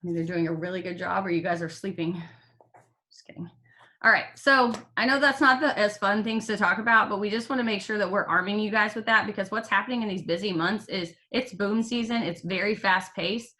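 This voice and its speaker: Upbeat woman, bright tone, runs a team call while hiccuping, casual and joking. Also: mid-range voice, a little fast, few pauses. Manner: upbeat and chatty, with fillers and jokes. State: has the hiccups. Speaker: team leader.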